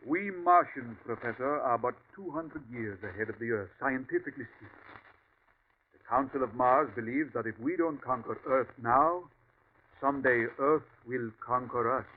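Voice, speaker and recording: Heard through a tinny old radio broadcast with faint hiss, this 1940s performance features a man of medium pitch speaking at normal speed, his voice close to everyday speech. He voices the villain, a calm, superior Martian invader masquerading as a ranch host, with suave, courteous, coldly condescending smooth menace.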